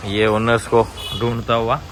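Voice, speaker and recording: A man working as a dog trainer talks casually to the camera at a dog hostel, often breaking off to shout firm orders and gentle coaxing at the dogs. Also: mid-range voice, completely flat delivery, normal speed, background noise. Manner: commanding and coaxing dogs, often rising sharply.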